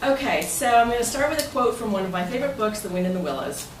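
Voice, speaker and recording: The club president talks fast in a fairly high, animated voice, joking through a casual presentation and getting the meeting to call out answers. She's recorded from a distance in a noisy, echoing meeting room.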